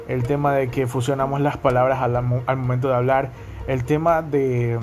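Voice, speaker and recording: A man's voice: medium pitch, level tone, normal speed, darkish tone, faint music behind. A young man from Guayaquil with a coastal Ecuadorian accent, hosting a casual podcast monologue and checking in with his listeners often. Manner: chatty, repeats ¿me entienden?. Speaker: podcast host.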